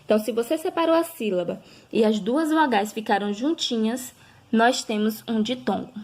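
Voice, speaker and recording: Her voice on the high side, a woman teaching primary school records a children's review lesson. She keeps a slow, patient pace, stretches out the example words, and regularly checks in with the kids listening.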